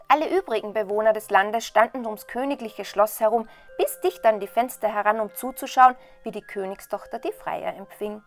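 A woman storyteller reading a fairy tale in a lively, expressive way. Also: medium pitch. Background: soft waltz music.

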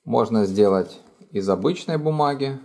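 A middle-aged man calmly explaining each fold in a step-by-step origami tutorial, recorded indoors at a table. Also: mid-range voice, moderate pace, vocal fry. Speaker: origami instructor. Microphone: overhead camera framing hands only.

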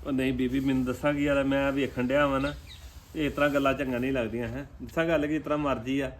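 A man's voice: mid-range voice, little pitch movement, fast, slight background noise, close to an everyday voice. A man playing a grown son in a family drama, coaxing and placating his upset mother. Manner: coaxing, placating, repeats "hain?". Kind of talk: scripted village family drama.

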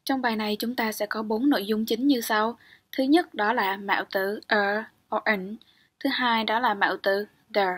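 Breathy woman teaching grammar. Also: mid-range voice, steady tone, moderate pace, a bit bright. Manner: explains step by step, often checks with "ok?". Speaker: English teacher. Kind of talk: exam-prep grammar lecture.

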